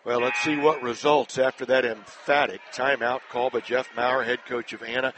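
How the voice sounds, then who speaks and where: A male play-by-play announcer calls a basketball game at a brisk clip, his pitch jumping up and his voice getting louder on every drive and shot. His voice is mid-range. Loud noise hangs under the broadcast. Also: level tone. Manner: brisk, rising sharply in pitch and volume on big plays. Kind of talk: live high school basketball play-by-play.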